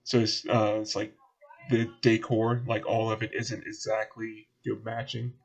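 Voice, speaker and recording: Low-voiced man running a tabletop game. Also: moderate pace, creaky. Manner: relaxed, rambling with fillers. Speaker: game master.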